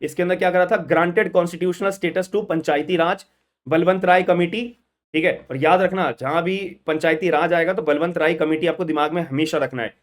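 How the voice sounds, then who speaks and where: Man, law tutor, high voice, emphatic, repeats himself, online lecture. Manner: emphatic, repeats "thik hai ji", quizzes viewers.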